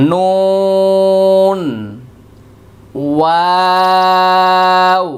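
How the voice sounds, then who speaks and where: A man teaching Quran recitation with a Bangladeshi Bengali accent, drilling Arabic letters slowly and repeating each sound with care. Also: mid-range voice, a little mellow. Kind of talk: slow, careful pronunciation lesson.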